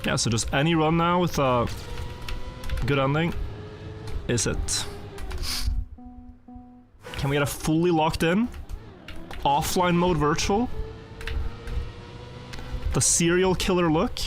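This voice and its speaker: A man's voice: a little high, slow pace, pauses often, faint music behind. A man from Croatia casually chatting with viewers while racing in a game on a live stream. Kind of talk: live gameplay commentary and chat.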